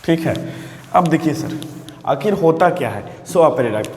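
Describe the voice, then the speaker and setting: A man's voice: a little high, lively intonation, normal speed, a little mellow, a little hiss or hum. A man teaching physics, often repeating himself and checking the viewers understand, calling them sir. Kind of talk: classroom physics lesson. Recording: echoey room with long reverb.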